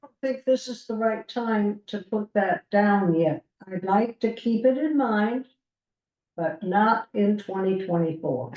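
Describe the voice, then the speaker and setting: A woman serving as a port commissioner, speaking deliberately and emphatically in a public board meeting held over a video call. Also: medium pitch, lively intonation, roomy sound, dull audio. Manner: deliberate, emphatic, slows down on key points.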